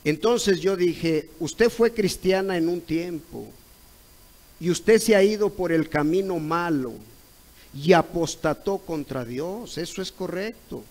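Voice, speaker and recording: A Mexican man preaching a Sunday school sermon, retelling a conversation, pausing to ask "¿ve?" and at times rising to loud cries. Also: high voice, poor audio. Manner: retells a dialogue, repeating "correcto" and "¿ve?"; rises to loud exclaimed cries when acting out others.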